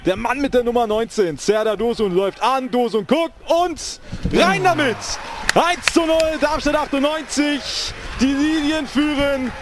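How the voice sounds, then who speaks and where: Very high-pitched man shouting goal commentary. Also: unhurried. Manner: excited, shouting, partisan. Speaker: football commentator for the home club. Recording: noisy stadium ambience.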